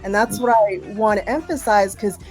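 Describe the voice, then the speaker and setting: Speaking at a normal speed with a medium-pitched voice, a Boston-area woman who teaches college chats as a guest on a live show. The interview is casual; she talks loosely, uses lots of fillers, and asks the audience questions.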